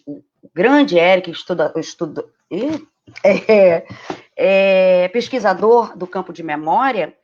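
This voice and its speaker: A woman with a Brazilian Portuguese accent giving a live-stream lecture, lively and explanatory, often checking in with tag questions. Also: medium pitch. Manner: animated, frequent tag questions, acts out quoted voices. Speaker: host giving a lecture on learning. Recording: dull lo-fi live-stream audio.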